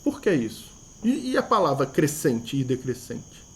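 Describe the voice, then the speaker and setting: Very animated and fairly bright, a mid-range male voice moves at a moderate pace through a math video lesson, with a little hiss or hum. He has a Brazilian Portuguese accent, reasons out loud, repeats key terms, and asks himself rhetorical questions.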